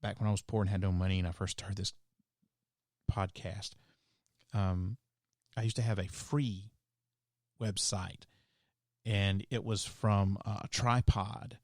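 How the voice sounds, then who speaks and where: A man's voice: lowish voice, steady tone, measured pace, pauses often, a little mellow, no room sound, clean studio sound. A man hosting a podcast on his own, talking loosely and with strong opinions, full of fillers and restarts. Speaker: podcast host. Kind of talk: casual solo podcast monologue.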